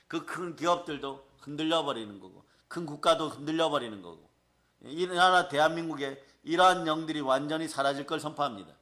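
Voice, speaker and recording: A male pastor delivers a sermon in a bright, forceful, fairly high voice. He drives his points home emphatically, constantly calling out to his listeners and acting out little scenes as he goes. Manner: emphatic, calls out to the congregation; storytelling with acted asides.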